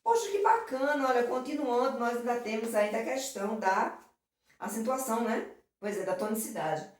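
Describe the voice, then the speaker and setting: A woman's voice: a little high, animated, moderate pace. Affectionate woman teacher in echoey room. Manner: affectionate, diminutives and constant check-ins. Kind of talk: exam prep lesson. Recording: very echoey room, mic far off.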